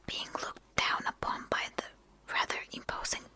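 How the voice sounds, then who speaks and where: A woman whispering quickly as she reads a story aloud for ASMR, a native Turkish speaker who sometimes stumbles over and repeats words. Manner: fast whispering. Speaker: ASMR reader.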